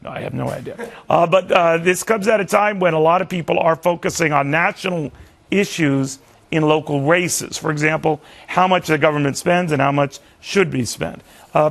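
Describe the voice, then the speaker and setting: A man works as a television interview host, speaking in a fairly high male register with a gravelly creak. He talks conversationally, often doubling back and repeating words as he frames his questions. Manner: halting, backtracks and repeats words.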